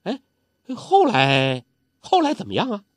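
A man's voice: sits high, wildly swooping pitch, measured pace, no room sound, clean studio sound, voice pushed up, full character voice. A man voicing a playful, childish old male martial artist, who whines and teases in a petulant way. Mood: eager. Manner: whiny, petulant, teasing.

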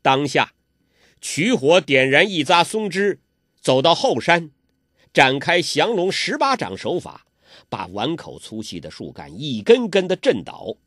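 A man's voice: on the high side, big pitch swings, unhurried, a bit bright, no room sound, clean studio sound. A man narrating a martial arts tale in traditional oral storytelling style, with dramatic emphasis.

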